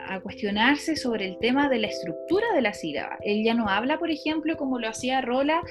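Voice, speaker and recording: A woman teaching a lesson, explaining step by step and quizzing a student with questions. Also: mid-range voice. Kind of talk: lecture on phonology.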